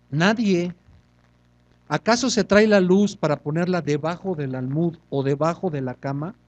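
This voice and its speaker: A man pastor preaching a sermon, lively and full of rhetorical questions and self-mocking humor. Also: high voice, rough recording.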